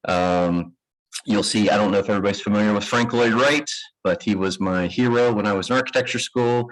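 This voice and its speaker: A man from Kentucky with a Kentucky accent giving a presentation to an audience, relaxed and self-deprecating. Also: on the low side, fairly quick, rough recording. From Kentucky, United States. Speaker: guest presenter. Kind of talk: conference presentation. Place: lecture room with live audience.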